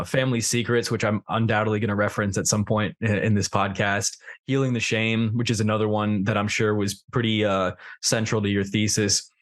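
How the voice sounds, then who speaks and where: A young man hosts a podcast interview in a somewhat low voice. He talks in a relaxed, thoughtful way, often pausing on fillers as he builds his points. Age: young adult. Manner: conversational, thoughtful, with many fillers. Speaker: podcast host.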